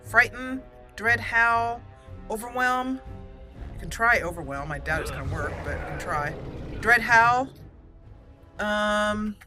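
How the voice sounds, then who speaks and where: Bright and forceful, her medium-pitched voice rises and falls lively, though she speaks slowly and pauses often. She hosts a gaming channel, offering chatty, exclamatory commentary while addressing the characters in roleplay, and game music runs underneath.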